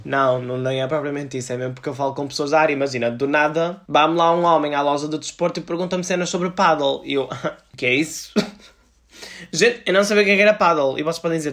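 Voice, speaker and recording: A man in his twenties with a European Portuguese accent, hosting a solo podcast and telling shop stories in a sassy, animated way. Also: a little high, quick pace. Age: 20s. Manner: sassy, animated storytelling with playful asides. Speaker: podcast host; retail shop worker. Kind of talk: casual solo podcast monologue.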